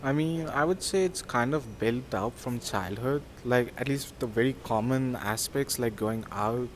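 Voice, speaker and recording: A Pakistani student in his twenties, whose first language is Sindhi, answers interview questions in a relaxed, hesitant manner with many fillers. His voice is mid-range and unhurried. There's slight background noise.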